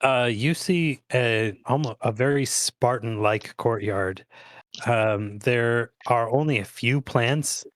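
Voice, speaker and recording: A man's voice: mid-range voice, slow, dry recording, clean studio sound. Young man running a tabletop game. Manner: matter-of-fact rulings with casual swearing. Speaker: game master.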